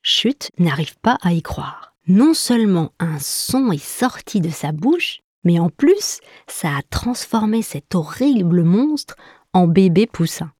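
A woman's voice: big pitch swings, slow pace, a little mellow, breathy edge, dry recording, studio quality. A woman narrating a children's story in a playful way, breaking into animal sounds. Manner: playful, imitates animal sounds with high squeaks.

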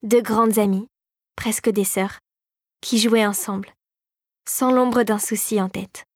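A woman narrating a children's storybook in a clear, steady storytelling manner. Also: medium pitch, takes it slowly, no echo, studio quality.

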